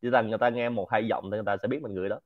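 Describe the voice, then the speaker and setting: A man from central Vietnam with a Quảng Nam accent, giving an informal business lecture in an animated, rhetorical way and often asking the audience to agree. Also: on the low side, very fast, narrow, tinny audio. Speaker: lecturer and host of a Q&A show.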